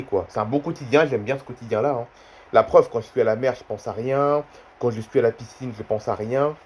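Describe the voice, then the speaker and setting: A man's voice: mid-range voice, a little mellow. A man in his twenties chatting casually in a vlog, rambling and repeating himself often. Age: 20s. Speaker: YouTuber.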